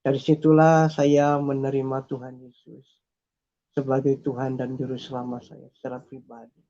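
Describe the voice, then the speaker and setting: A man telling his personal faith testimony in an earnest way, repeating phrases and pausing with fillers. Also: mid-range voice, level tone, dark tone. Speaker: testimony speaker. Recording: dull lo-fi recording.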